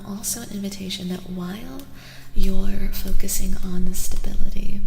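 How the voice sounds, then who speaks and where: Heavy, long-tailed reverb surrounds a woman hosting an ASMR tarot stream. Her mid-range voice is breathy and frequently drops to a whisper, and she softly repeats phrases in a calming way.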